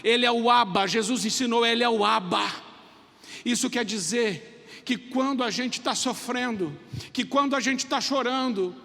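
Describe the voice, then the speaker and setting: High-voiced pastor in a reverberant church. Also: male voice, unhurried, vocal fry. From Brazil. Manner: dramatic, swings from soft hushed lows to emphatic highs; acts out children and parents in little voices. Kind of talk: sermon. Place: church sanctuary.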